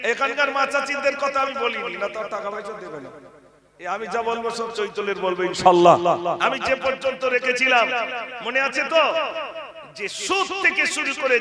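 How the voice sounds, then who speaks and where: A man preaching a village sermon to a live crowd, telling jokey stories, asking the listeners questions. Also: high voice. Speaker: Islamic preacher and ghazal singer. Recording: echoey open-air loudspeaker sermon, crowd audible.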